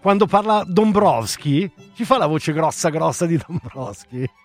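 A male radio host in quick, playful, teasing banter with his co-host. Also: on the high side, animated, faint music behind. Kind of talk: casual, joking radio banter.

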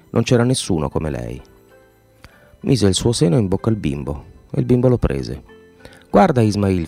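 A man reading a novel aloud, voicing the villagers' dialogue expressively and pausing to explain a word. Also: creaky. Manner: expressive, voices the villagers' lines with raised pitch. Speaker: audiobook reader.

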